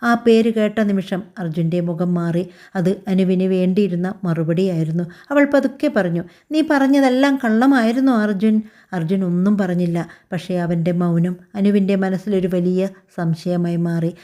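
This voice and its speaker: A woman narrating a scripted family drama story in a calm, even storytelling voice. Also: fairly low pitch, moderate pace. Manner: calm, even storytelling voice that also reads all the characters' lines.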